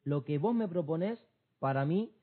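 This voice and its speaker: Man, fairly high voice, reasoning aloud with restarts, tinny phone-like sound. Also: lively intonation, normal speed, slightly rough. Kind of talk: church discussion program.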